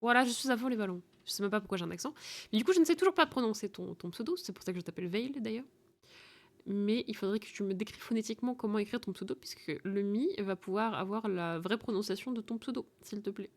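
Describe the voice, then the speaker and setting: A woman's voice: medium pitch, quick pace. A woman streamer chatting playfully and teasing while she plays, sounding tired. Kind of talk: casual live-stream game chat.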